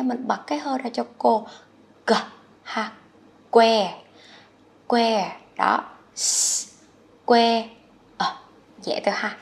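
Woman from Vietnam, kids' English teacher, slightly high, gravelly, patient drilling. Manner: patient, coaxing, drills words slowly and repeats them. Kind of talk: children's vocabulary lesson. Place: HCMC.

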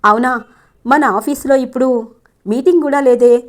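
A woman's voice: high voice, moderate pace, natural voice. A woman voicing a curious young businessman asking puzzled questions.

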